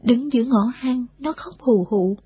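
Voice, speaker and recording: Audiobook narrator: woman, steady storytelling, breathy and husky, dry muffled recording. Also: on the high side, measured pace, no echo. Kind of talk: audiobook reading of a war novel.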